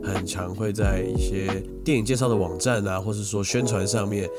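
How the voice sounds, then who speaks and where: A man's voice: lowish voice, moderate pace. A man with a Taiwanese Mandarin accent co-hosting a podcast in casual chat, with music playing. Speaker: podcast co-host.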